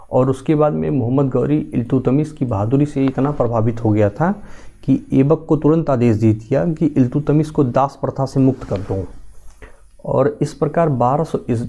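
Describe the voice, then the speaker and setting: Mellow-voiced man teaching exam history. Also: mid-range voice. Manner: explanatory, steady, repeats key facts. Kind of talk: exam-prep history lecture.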